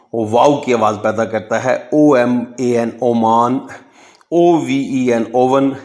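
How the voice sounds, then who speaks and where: A man's voice: mid-range voice, darkish tone. A man giving a phonics lesson, spelling words out letter by letter. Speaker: English teacher.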